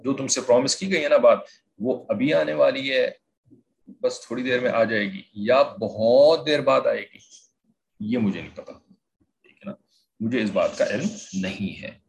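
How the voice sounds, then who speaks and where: A man's voice: mid-range voice, slight background noise. A man teaching the meaning of Quranic verses word by word, often asking if his listeners follow and mixing in English words. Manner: repeats "theek hai" to check understanding, mixes in English words.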